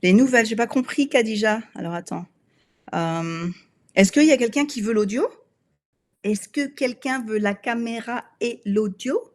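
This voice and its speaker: A woman's voice: on the high side, normal speed. A woman in her forties hosting a live webinar as a mobility coach. She talks casually and directly, uses many fillers and laughs often.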